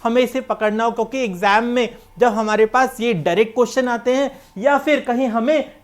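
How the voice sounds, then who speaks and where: A woman's voice: fairly high pitch, moderate pace. A woman with an Indian accent giving an exam-prep English grammar lecture, explaining step by step and mixing English terms into Hindi. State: coughing, needs water. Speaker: English teacher.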